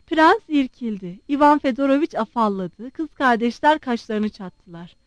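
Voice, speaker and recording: A woman reading a novel aloud as an expressive audiobook narrator. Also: on the high side, moderate pace, no echo, dull audio.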